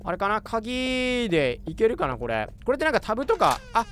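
A man doing chatty, excitable commentary while playing a horror game, reacting aloud with jumpy exclamations. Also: high-pitched, fairly quick. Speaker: gamer. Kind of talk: let's play commentary.

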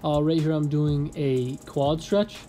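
Speaking slowly in a fairly high pitch, this young adult man shares an easygoing vlog from indoors in a small apartment room. He guides viewers through some stretches and jokes around as he puts together a sandwich, keeping things relaxed.

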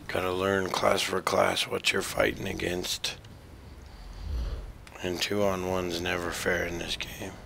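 A man's voice: deep voice, completely flat delivery, slow, bright, forceful tone, slight background noise. A man casually commenting on his own gameplay, talking to himself with exasperated reactions. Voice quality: gravelly. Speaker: gamer streaming gameplay.

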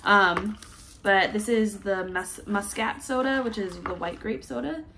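A woman's voice: mid-range voice, a little slow, noisy background. A young woman chatting casually as a travel vlogger, giggly and full of fillers, unboxing toys in a hotel room. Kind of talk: casual chat.

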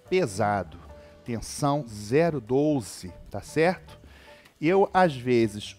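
A man's voice: mid-range voice, darkish tone. A man with a Brazilian Portuguese accent giving a casual guitar lesson, checking in with his viewers after nearly every point. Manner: chatty, explains with frequent "tá?" and "né?" checks. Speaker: guitar teacher.

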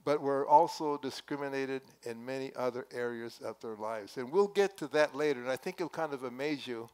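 Speaking a little fast in a mid-range, slightly mellow voice, the older pastor preaches in a church sanctuary from a wooden pulpit. His tone is earnest yet conversational, with emphatic lifts in pitch. He wears a headset microphone.

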